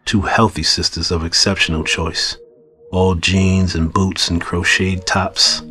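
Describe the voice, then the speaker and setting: Low, flat, husky male narrator. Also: a little slow, a little hiss or hum. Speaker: audiobook narrator. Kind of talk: first-person fiction narration.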